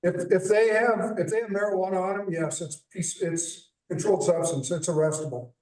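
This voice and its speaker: A man from Iowa phones in with a plain, matter-of-fact question. His voice sits high for a man and comes through heavily echoed, as if a second device were playing it back into the line. He also sounds distant from the microphone. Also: brisk, a little mellow. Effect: echo from a second device feeding back. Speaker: caller. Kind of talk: call-in question on a live show. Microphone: remote call-in audio. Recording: echoey call-in line, far from mic.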